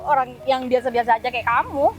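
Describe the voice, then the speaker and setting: An actress in a web drama plays an arrogant, scornful young woman sneering at her ex-boyfriend, scolding and dismissive. Recorded outdoors in a public place over a noisy background, her natural voice sits high, runs fast and keeps a fairly even intonation.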